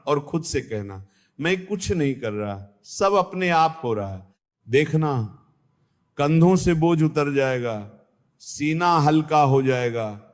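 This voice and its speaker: A man giving a calm spiritual discourse, speaking directly to the listener in a measured way. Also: medium pitch.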